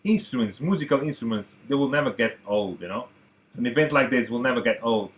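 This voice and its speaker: Movie reaction host, man, native Portuguese speaker, excitable and chatty, middle pitch. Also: a little fast. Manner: chatty, excitable, addresses viewers as guys. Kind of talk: casual reaction commentary.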